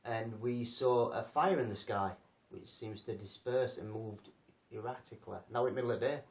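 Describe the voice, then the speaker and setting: A man's voice: mid-range voice, normal speed. A man from England hosting a casual livestream chat, rambling and joking about himself. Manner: rambling, jokey, self-deprecating. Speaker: paranormal group host. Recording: roomy, distant, dull sound.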